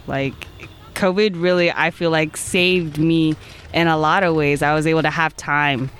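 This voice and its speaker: A podcast guest in their twenties chats casually in a rambling interview, filling speech with "like" and "I feel like" and laughing often. The voice is mid-range and a bit bright, with fairly even intonation at normal speed. A little hiss or hum is audible.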